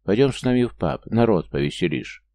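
A male narrator putting on a big ragged street tough from a storybook, hoarse and loud, jeering at a stranger. His voice sits low, dark and gravelly under the shouting. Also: very animated, normal speed. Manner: hoarse bellowing.

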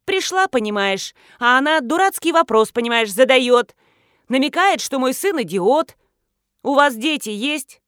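A woman's voice: mid-range voice, lively intonation, measured pace, dry recording, clean studio sound, natural voice. A woman reading the part of an irritable middle-aged nurse and mother who scolds sharply. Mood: angry.

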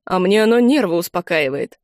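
A woman's voice: lowish voice, lively intonation, a little fast, a little mellow, no room sound, studio quality, lightly acted. A woman voicing a wry, easygoing father. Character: easygoing middle-aged father, smoking and teasing.

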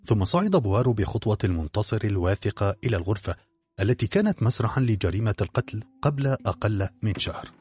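A man narrating a detective drama in an expressive, measured storytelling manner. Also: fairly low pitch.

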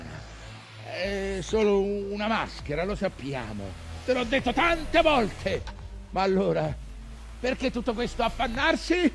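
Old obsessed sea captain, theatrical monologue, slow pacing, creaky gravel tone, brooding, haunted, weary. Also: male voice, fairly high pitch, heavily acted. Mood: anguished, weary. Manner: brooding, halting delivery swinging from murmurs to impassioned outcries.

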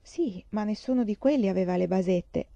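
A woman reading aloud, voicing an excitable little pioneer girl who talks in a chirpy, eager way. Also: medium pitch, moderate pace, vocal fry, dry recording, natural voice. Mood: matter-of-fact. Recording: dull dry lo-fi sound.

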